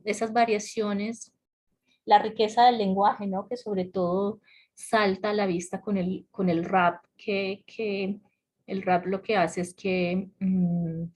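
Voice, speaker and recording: A woman leads an online English lesson, talking through grammar points at a relaxed, patient pace. She often stops to check in with her students. Her voice sits at an ordinary middle pitch and comes through a computer microphone on a video call. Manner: explains patiently, asks the class questions, laughs lightly. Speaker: English teacher. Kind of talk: online class explanation. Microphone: computer mic on a video call.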